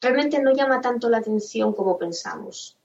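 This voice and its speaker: A woman's voice: fairly high pitch, normal speed, darkish tone. A woman from Spain, guest on a podcast, talking casually and thinking aloud with restarts. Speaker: podcast guest, parent and author. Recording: roomy, distant, dull remote line.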